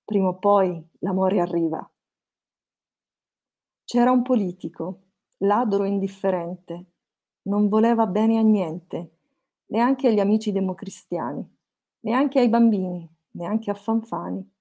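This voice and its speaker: A woman's voice: mid-range voice, unhurried, pauses often, warm tone. A woman performing satirical rhyming verse, telling comic stories in a sing-song storytelling manner.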